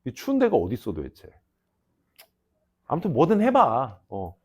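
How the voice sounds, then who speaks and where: A young adult man teaching an English class, lecturing students in a casual, teasing way with lively asides. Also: medium pitch, normal speed, husky. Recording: dull lo-fi lecture recording.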